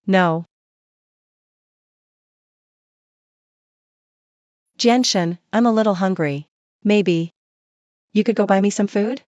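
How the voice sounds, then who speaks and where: A woman's voice: medium pitch, a little slow, darkish tone, no room sound, dull audio, natural voice. A woman acting a principled, guarded young mother in a screen drama, speaking with restraint. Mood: weak, guarded. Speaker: female lead in a drama.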